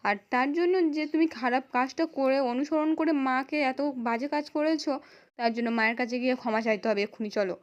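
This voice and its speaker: A woman's voice: high voice, quick pace, highs cut off, close to an everyday voice. A woman with a West Bengal accent voicing a stern, hot-tempered young husband who scolds and commands. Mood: scolding.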